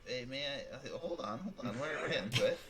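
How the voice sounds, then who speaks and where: A man narrating a tabletop game as game master, halting and repeating words as he describes the scene. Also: medium pitch, expressive, very noisy.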